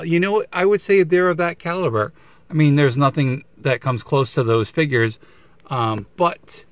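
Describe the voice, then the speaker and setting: Toy reviewer: a man with a mid-pitched voice, rambling casual delivery, dry close sound. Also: no room sound. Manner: rambling, lots of fillers and self-corrections. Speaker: action figure reviewer.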